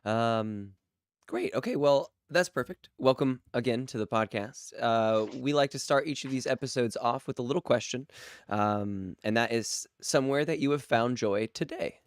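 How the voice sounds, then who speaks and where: A man hosting a casual podcast interview, rambling and halting, with a slightly gravelly, tired voice after a late night. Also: medium pitch, no echo. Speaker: podcast host.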